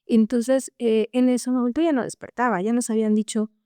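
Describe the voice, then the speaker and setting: A woman's voice: fairly high pitch, flat delivery, brisk, warm tone, smooth, dry recording, studio quality. A young woman guest telling a personal story in an earnest, casual way, often tagging her lines with a questioning "no?". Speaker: podcast guest.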